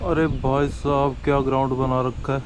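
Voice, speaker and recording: A young travel vlogger walks through streets and a market, narrating casually into an action camera held at arm's length. His mid-range voice has a flat delivery at normal speed, with outdoor street noise behind him. Chatty and curious, he asks locals questions.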